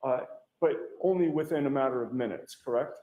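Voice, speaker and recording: A man's voice: mid-range voice, a little fast, dark tone. A man questioning a witness as defense attorney, firing pointed leading questions that end in "correct?". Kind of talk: courtroom cross-examination. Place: courtroom. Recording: echoey courtroom.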